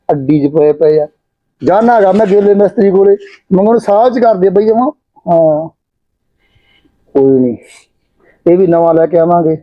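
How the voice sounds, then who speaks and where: A man's voice: sits high, lo-fi sound. A man playing a simple-minded childlike son. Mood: rambling. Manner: naive, rambling, childlike. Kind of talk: village short-film acting.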